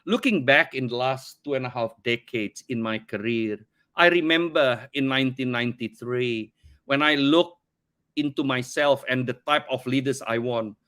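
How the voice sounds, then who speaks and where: A man's voice: medium pitch, normal speed, fairly bright tone. A middle-aged man from Indonesia, English as a second language, earnestly telling his story in an interview, often repeating words as he searches for phrasing. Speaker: company CEO, podcast guest. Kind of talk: conversational interview.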